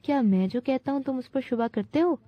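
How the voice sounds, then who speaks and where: A woman's voice: high-pitched, animated, no room sound, pitched above the performer's own voice. A woman voicing a young boy king who speaks with simple earnestness and gives orders with pride. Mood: earnest. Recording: dull dry recording.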